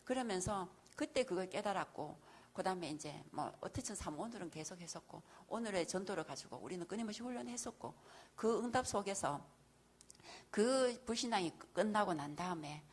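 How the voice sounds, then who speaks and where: A middle-aged woman speaks at a church evangelism school, telling her testimony with energy. Her voice is a little husky, and her pitch swings widely as she acts out her own past prayers and talks, laughing often along the way. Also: animated, a little fast. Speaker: church deaconess giving a testimony lecture.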